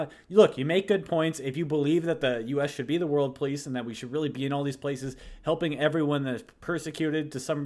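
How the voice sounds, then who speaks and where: A man co-hosting a podcast, making measured arguments and granting the other side's points before pushing back. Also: a little high. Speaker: podcast co-host. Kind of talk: casual political debate.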